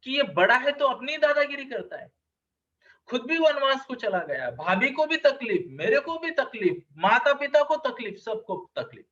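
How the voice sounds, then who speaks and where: A man's voice: extremely high pitch, big pitch swings, normal speed, a bit bright. A man who counsels children, telling a story as a lesson, asking the audience questions and having them repeat the key words. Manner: brief acted voices for the characters in the story. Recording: somewhat distant, slightly dull sound.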